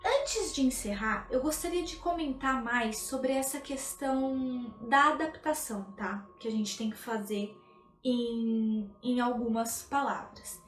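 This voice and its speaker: A woman teaching Italian in a live online lesson. She explains patiently, often checks in with "tá?", and slows down to model pronunciation. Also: high voice. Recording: echoey room, livestream audio.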